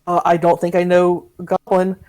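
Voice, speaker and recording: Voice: medium pitch, monotone, normal speed, darkish tone, clean tone. Hesitant player thinking aloud at a game table. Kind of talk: casual game play talk.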